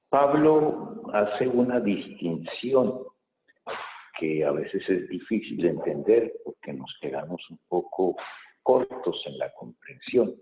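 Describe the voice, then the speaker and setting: A man as a priest reading the Gospel at Mass and giving a homily in a measured way, pausing to think, with a cathedral echo around him. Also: low-pitched. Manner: measured reading, thoughtful homily with pauses and fillers. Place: large church. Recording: echoey church hall, tinny phone-like sound.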